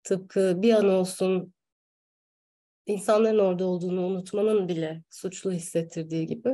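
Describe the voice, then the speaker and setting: A woman hosting an online psychology session, speaking earnestly with halting pauses and fillers. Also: lowish voice, steady tone, dark tone. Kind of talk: opening remarks at an online workshop.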